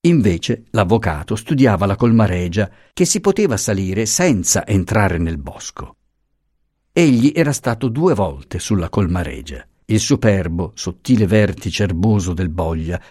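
A man reading a novel aloud as the narrator, in a measured, expressive way. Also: fairly low pitch, dry recording, studio quality. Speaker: audiobook narrator.

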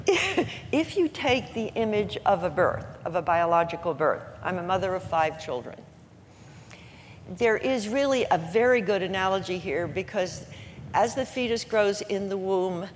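A woman in her eighties gives an inspirational public talk, speaking earnestly and slowing down to stress the words that matter. Her pitch is ordinary for a woman, and a long hall reverb rides over a faint hum of room noise.

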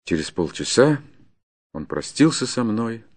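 A man narrating a classic literary story as an audiobook, in a calm, measured storytelling voice. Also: medium pitch.

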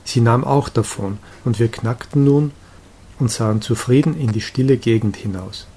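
A man narrating a romantic novella in an audiobook, in a calm, even storytelling manner. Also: medium pitch, moderate pace, a little hiss or hum.

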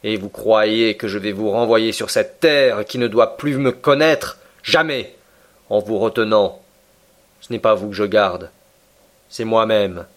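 A man voicing a cold, stern middle-aged submarine captain who speaks in a measured, unyielding way, in an audiobook reading. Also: on the low side, a bit bright.

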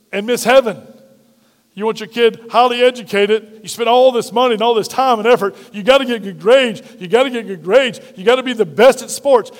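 A man with a notably high voice delivers an emphatic sermon from the front of a church. His lines ring out with a long reverb from the sanctuary. He repeats key phrases and asks the congregation to say them back. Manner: emphatic, repetitive preaching with call-and-response. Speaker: pastor. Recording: reverberant hall.

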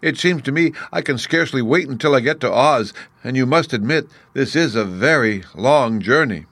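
A man's voice: medium pitch, animated, normal speed, a bit bright, no echo, voice pushed up. A man voicing an impatient, yearning man made of tin, earnest and plaintive, in a storybook.

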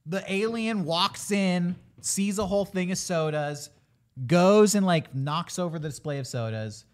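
A man's voice: sits high, unhurried. A man recapping a film in casual, joking podcast chat, acting out the characters in exaggerated voices. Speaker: film review podcast host. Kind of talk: casual comedic movie review chat.

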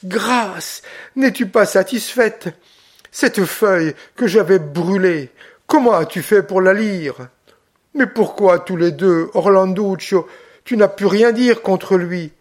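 A man voicing a broken, elderly Corsican man who begs hoarsely for mercy. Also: high-pitched, takes it slowly, pitched above the performer's own voice. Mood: pleading. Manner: desperate, begging.

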